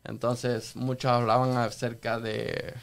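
A man from El Salvador telling his faith story on a church podcast, halting and earnest, full of restarts. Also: mid-range voice, little pitch movement, vocal fry. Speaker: podcast guest sharing testimony. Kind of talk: casual church podcast talk.

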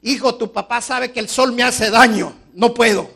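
A man's voice: extremely high pitch, fairly even intonation, moderate pace, creaky, bright, forceful tone, breathy edge, voice pushed up, full character voice. A preacher voicing a self-centered praying woman. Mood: impatient refusal. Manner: pleading prayer, brusque refusals.

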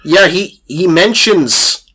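A man's voice: high-pitched, expressive, takes it slowly, pushed and bright, breathy edge. A man in a casual, explanatory discussion of history, often repeating and rephrasing his points as he goes.

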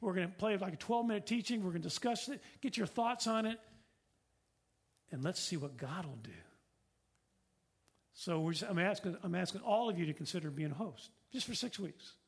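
A man with a notably high voice delivers a sermon from the pulpit. He speaks earnestly, circling back to his points and posing questions to the room. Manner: earnest, repetitive preaching with rhetorical questions. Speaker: pastor.

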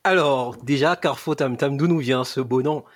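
A man's voice: mid-range voice, normal speed, dry recording. A man in his twenties from Cameroon, co-hosting a podcast and explaining things thoughtfully with many fillers. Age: 20s. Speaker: podcast co-host. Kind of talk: casual podcast chat. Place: Germany.

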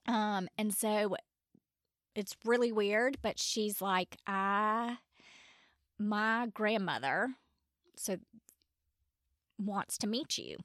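A woman's voice: mid-range voice, slow pace, pauses often, no echo, studio quality. A woman, a podcast guest telling her story casually and acting out quoted dialogue. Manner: chatty, quotes others in lively retold dialogue.

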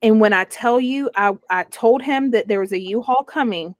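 A woman's voice: a little high, normal speed, dry recording. A young woman, telling a personal story in a casual interview and acting out the voices she quotes. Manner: animated, acts out quoted voices. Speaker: guest sharing her story.

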